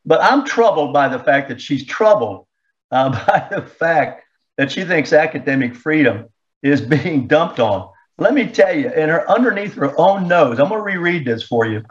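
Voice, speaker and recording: A man with a somewhat high voice hosts an opinion talk show, talking in a sarcastic and indignant way. He breaks off reading excerpts to comment on them. The audio is dull and lo-fi. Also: lively intonation, moderate pace.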